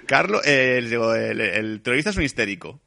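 A man reviewing a film in casual chat. He is animated, swears freely and acts out scenes. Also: mid-range voice, moderate pace, creaky, slight background noise.

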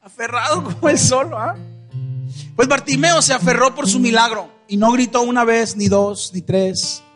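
Speaking at normal speed over music, a man with a very high voice and a Mexican accent tells a Bible story between songs at a church concert. This worship band singer quizzes the audience and performs the characters' voices.

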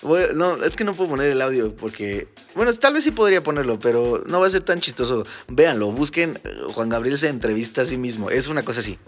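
Podcast host, Mexican man, mid-pitched voice, jokey and animated storyteller, faint music underneath. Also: fast talker, few pauses. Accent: Mexican Spanish. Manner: animated, joking, addresses listeners as friends. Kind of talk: casual comedic storytelling. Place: home studio.

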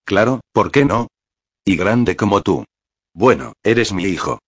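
A man voicing a weary bearded father and war veteran in an audiobook, talking gently and teasingly. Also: on the low side, expressive, a little slow, slightly rough, no room sound, exaggerated voice. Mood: tender. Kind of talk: audiobook reading.

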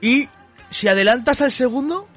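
A man doing a high, bright-voiced goofy guy with a tic. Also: animated, normal speed, faint music behind, full character voice. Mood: playful. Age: 40s. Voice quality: repeats a filler tic after every phrase. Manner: boisterous, gets carried away. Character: silly excitable man with a verbal tic. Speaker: radio show guest running a riddle segment. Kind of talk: comic radio bit with a put-on character voice.

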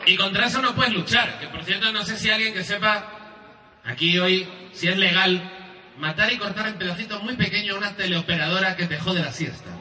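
Performing live at a comedy club, a man from Andalusia, Spain, works through a rambling, crude, self-deprecating set in his Andalusian accent. He talks a little fast in a high voice, picked up from afar in an echoey room while the crowd laughs and claps.

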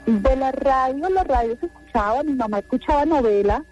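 Una mujer con acento colombiano que llama por teléfono a un programa de radio y habla en frases largas con muchas muletillas. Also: female voice, high-pitched, fairly quick, darkish tone, faint music behind. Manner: long run-on sentences with many fillers. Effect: phone call heard on air. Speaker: caller to a radio show. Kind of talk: live call-in chat.

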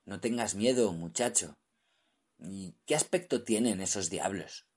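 A man's voice: sits low, a little slow, darkish tone, slightly rough. Man doing a curt sea captain. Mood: commanding. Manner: curt, commanding. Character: gruff sea captain, middle-aged, quick to anger.

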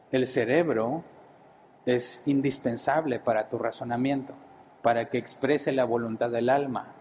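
Preacher, male, mid-pitched, teaching style, rhetorical questions. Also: darkish tone, a little hiss or hum, poor audio.

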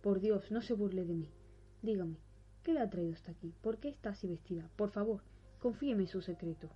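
A woman's voice: medium pitch, fairly quick, breathy edge, lightly acted. Woman reading as a panicked young nobleman. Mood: pleading. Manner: urgent, pleading. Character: frightened young nobleman shaken by a ghost. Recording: dull recording with faint music.

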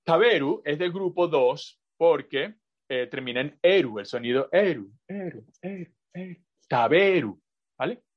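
Male teacher on a video call, a bit high-pitched, muffled sound, repeats himself patiently to guide students. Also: lively intonation. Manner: explains patiently with examples and asides; drawn-out, repetitive phrasing with many fillers. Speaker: language teacher. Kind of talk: teaching an online class.

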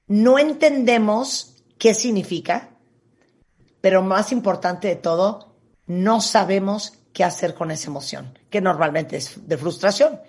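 Female talk show host, husky, mid-pitched, measured and questioning.

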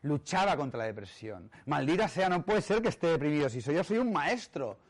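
A man's voice: fairly high pitch, very animated, a little fast. A man from voicing a wise male spiritual master who is depressed, in his own plain voice within a story. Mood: frustrated.

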